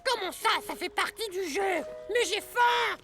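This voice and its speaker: An extremely high-voiced cartoon seagull, excitable and whiny. Words are stretched out into indignant, melodramatic cries. Loud music plays behind. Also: female voice, unhurried. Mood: impatient, excited. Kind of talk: French children's cartoon dubbing.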